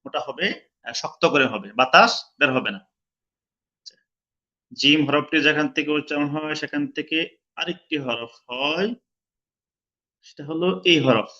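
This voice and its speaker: This male Quran recitation teacher, speaking with a Bangladeshi Bengali accent, patiently walks online students through how letters are pronounced, repeating sounds slowly and occasionally drawing them out in a chant. His fairly high voice comes across pushed and bright, though the audio is dull.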